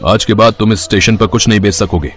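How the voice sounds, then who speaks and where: A man voicing a stern male station master in a cartoon story, speaking slowly and gravely. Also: on the low side, fairly even intonation, fairly bright tone, lightly acted.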